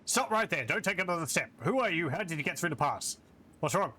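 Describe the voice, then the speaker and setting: Wary game town guard, played by a man, stern challenge, bright raised voice. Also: on the high side, sing-song, quick pace, pitched above the performer's own voice, exaggerated voice. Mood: stern, suspicious.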